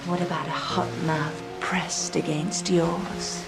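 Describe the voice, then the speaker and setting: Brief: actress as a hungry, menacing temptress, unhurried delivery, music underneath. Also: female voice, fairly low pitch, little pitch movement, gravelly. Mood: sultry. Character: seductive, hungry woman, eerily changed. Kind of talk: audio drama.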